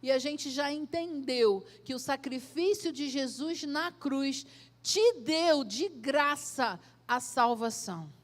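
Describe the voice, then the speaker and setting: A woman pastor with a Brazilian accent preaching a sermon in a church, asking direct questions and swelling loud then dropping soft. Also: high voice, animated, slow. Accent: Brazilian Portuguese.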